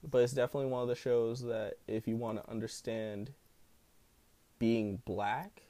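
A man speaks casually into a solo podcast in a smooth, mid-pitched voice. His talk rambles along loosely, peppered with slang and profanity. The sound is dry, with no room echo. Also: steady tone, normal speed, warm tone. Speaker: podcast host.

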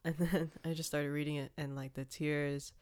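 A young woman talking candidly in a casual chat, expressive and quick to laugh. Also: low voice, smooth.

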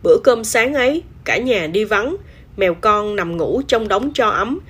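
A woman storyteller reading a children's story aloud in an expressive, animated way. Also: mid-range voice, unhurried, slightly rough.

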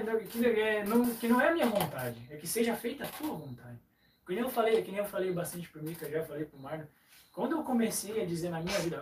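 A Brazilian man co-hosting a casual podcast chat. He talks in quick bursts and often restarts his sentences. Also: on the high side. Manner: fast, restarts often, laughs while telling stories. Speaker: podcast co-host. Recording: echoey room, distant mic, noise.

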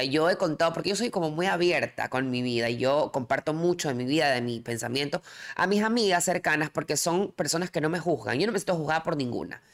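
A woman hosting a casual chat, telling her own experiences openly and with lots of restarts. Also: sits low. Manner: open, animated storytelling with frequent restarts.

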